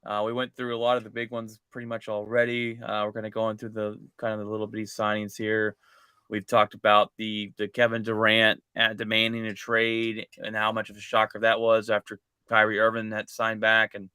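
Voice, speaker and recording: Bright, crisp-voiced male podcast host. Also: fairly low pitch, flat delivery, fairly quick, dry recording, clean studio sound. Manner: conversational, often restarts phrases. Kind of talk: casual sports chat.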